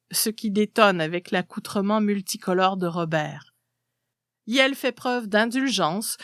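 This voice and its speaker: A woman narrates a literary story in an expressive reading style. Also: mid-range voice, dry recording, studio quality.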